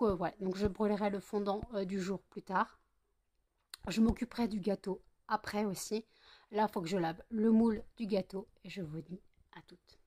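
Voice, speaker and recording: A worn-out woman chatting casually in a home vlog, rambling and repeating herself after a sleepless night of work. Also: medium pitch. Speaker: vlogger making scented wax melts.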